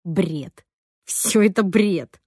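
A woman voicing a good-natured teenage boy who speaks low and subdued. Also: very slow, a little mellow, breathy edge, no echo, clean studio sound, exaggerated voice. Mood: hurt.

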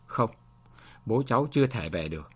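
A man's voice: fairly low pitch, lively intonation, moderate pace, breathy edge. A man reading as a solemn soldier uncle. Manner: gentle and solemn. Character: grave middle-aged male soldier bringing bad news.

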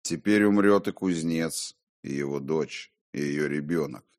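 A man voicing a ghostly male double, a conscience that speaks low, hushed, calm and taunting, in an audiobook. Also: a little slow. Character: eerie whispering male double, his conscience. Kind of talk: audiobook character voice.

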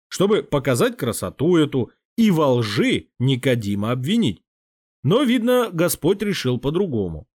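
A man voicing a calm, weary elderly church patriarch who speaks in a measured way, in an audiobook. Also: medium pitch, no echo. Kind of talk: audiobook character voice.

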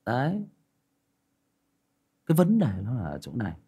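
A man's voice: normal speed, breathy edge. A man telling a personal story in a casual monologue, acting out the dialogue. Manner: lively, acts out quoted dialogue with pitch jumps. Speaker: storyteller giving relationship advice.

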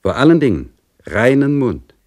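A man's voice: mid-range voice, big pitch swings, normal speed, darkish tone, pitched above the performer's own voice. A man reading aloud voices a brusque, blustering middle-aged police officer who scolds and gives orders. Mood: conspiring.

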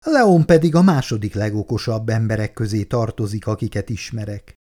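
A man's voice: on the low side, animated, darkish tone. A man voicing a playful, teasing young woman in an audiobook.

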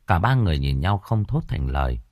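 A man narrating a ghost story in an expressive, suspenseful style. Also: low-pitched, brisk, no echo.

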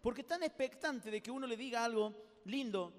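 A man with a Rioplatense Spanish accent giving an animated, humorous youth talk, acting out little scenes as he speaks. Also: extremely high pitch, fairly quick, long reverb tail. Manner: animated, acts out voices, jokes with the audience.

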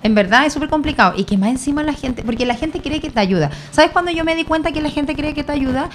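Una mujer con acento chileno en una charla casual, narra anécdotas animadas e imita las voces que cita. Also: female voice, high voice, fast, slight background noise. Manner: animated storyteller, acts out quoted voices. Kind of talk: casual radio chat. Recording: faint background ambience.

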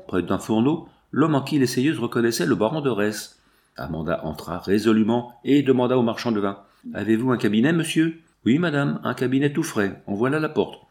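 A man reading a novel aloud as the narrator, in measured, even scripted narration. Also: mid-range voice, gravelly. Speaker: audiobook narrator.

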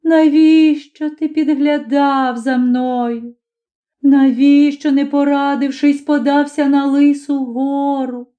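A woman's voice: high voice, warm tone. A woman voicing a young witch wife who pleads tearfully with her husband. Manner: tearful, imploring.

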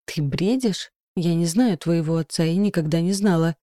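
A woman's voice: normal speed, warm tone, dry recording, clean studio sound, close to an everyday voice. A woman voicing a young woman who is frightened yet defiant, speaking shrilly. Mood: scared, defiant. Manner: shrill, challenging.

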